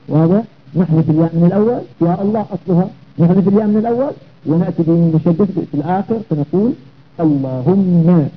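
A man's voice: on the high side, phone-quality sound. A man teaching a grammar lesson, explaining step by step and checking understanding with rhetorical questions.

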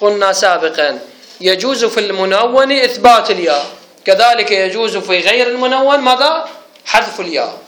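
A man teaches a grammar lesson to a room of students. His voice sits high and sounds bright and forceful, and the room gives it a strong echo. He explains each point and stops to quiz the class. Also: slight background noise. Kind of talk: classroom lecture. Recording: echoey room.

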